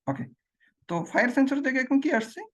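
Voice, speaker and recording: A man's voice: very high-pitched, lively intonation, fast talker. Male tutor; patient self-quizzing explainer who restates every point. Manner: asks questions and answers them himself, repeats key phrases. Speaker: teacher. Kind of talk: explaining logic gates on a screen demo.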